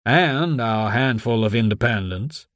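A man voicing a male senator delivering a slow, raised speech to a crowd at a rally. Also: medium pitch, fairly bright tone, no echo, studio quality, lightly acted. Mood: oratorical.

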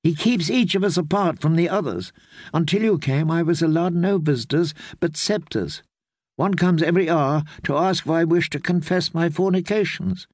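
A man's voice: a little high, moderate pace, a little mellow, dry recording, clean studio sound, close to an everyday voice. A man reading an audiobook, voicing a young queen who is frightened and indignant. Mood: aggrieved. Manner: heated, indignant pleading.

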